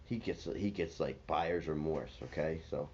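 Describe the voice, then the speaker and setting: A man's voice: very deep voice, normal speed, darkish tone. A man retelling a story casually in loose, slangy speech full of fillers. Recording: slightly dull with faint noise.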